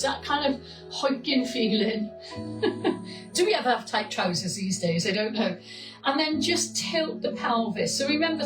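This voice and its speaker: A Pilates instructor with a croaky, fairly high-pitched voice leads an online exercise class, chatty and encouraging, dropping in asides and correcting herself. The room is echoey, the mic is distant, and music plays behind her.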